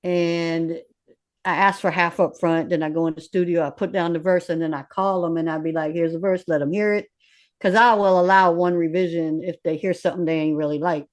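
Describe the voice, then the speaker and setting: Swearing a lot and talking straight, a recording artist in her fifties gives a candid casual interview with a streetwise, animated energy. Her voice is on the low side and her pace fairly quick.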